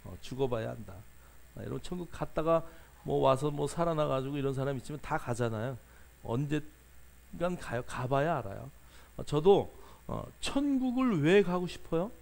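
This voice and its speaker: A man's voice: fairly high pitch, expressive, moderate pace, gravelly, darkish tone. A male pastor preaching a sermon, questioning the congregation and coaxing answers, with frequent filler sounds.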